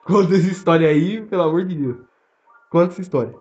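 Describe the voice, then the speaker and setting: Fast-talking young Brazilian man. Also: on the high side, a little mellow. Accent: Brazilian Portuguese. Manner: fast, slangy storytelling, lots of fillers. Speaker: podcast co-host. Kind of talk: casual chat. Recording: roomy, dull lo-fi sound.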